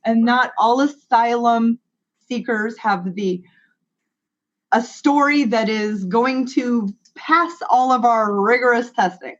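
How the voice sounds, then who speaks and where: Over muffled web-call audio, an American woman speaks earnestly in a casual online panel discussion. Her voice is on the high side and slow, and she sometimes restarts partway through a sentence.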